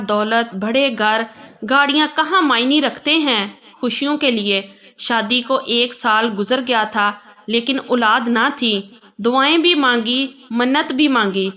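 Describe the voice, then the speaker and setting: A woman narrates an emotional story in a calm, heartfelt storytelling manner. Her voice is bright and clear, sitting fairly high. She reads from a prepared script.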